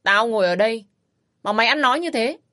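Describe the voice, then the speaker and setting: A woman's voice: a little high, animated, normal speed, pitched above the performer's own voice. A woman voicing an angry, domineering old father-in-law who scolds harshly in a raised voice. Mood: furious scolding.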